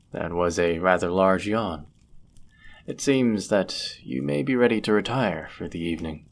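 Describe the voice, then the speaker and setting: In an intimate roleplay audio, a man voices a deep-voiced medieval innkeeper, fully in character. He's animated and speaks with vocal fry, yet his mood stays gentle and courteous as he talks in a polite, measured, formal, old-fashioned way.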